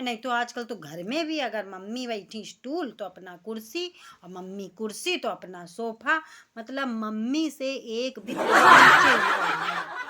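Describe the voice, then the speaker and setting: A middle-aged woman vlogger telling a family story in a chatty, expressive, homely way. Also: fairly high pitch. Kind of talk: casual storytelling.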